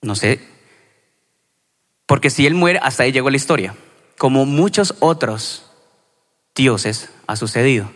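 A man with a Colombian accent from Cali, a pastor giving a sermon in a conversational, storytelling way with lively asides. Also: mid-range voice, measured pace, long pauses. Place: church hall. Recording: reverberant church hall.

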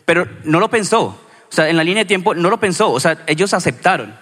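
Colombian pastor preaching in a reverberant hall. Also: male voice, sits high, a little fast. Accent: Colombian, from Cali. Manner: conversational, storytelling, animated asides. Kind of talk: sermon. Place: church hall.

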